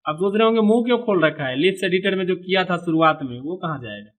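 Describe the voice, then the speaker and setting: High-voiced male software tutor. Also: lively intonation, quick pace. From India. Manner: explanatory, keeps saying "okay" between steps. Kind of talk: screen-recorded software tutorial.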